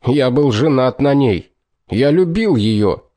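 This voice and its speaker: A man's voice: medium pitch, lively intonation, slow pace, mellow, no echo. A man playing an indignant, scornful pilot. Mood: bitter. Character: distraught older-seeming pilot, man, indignant.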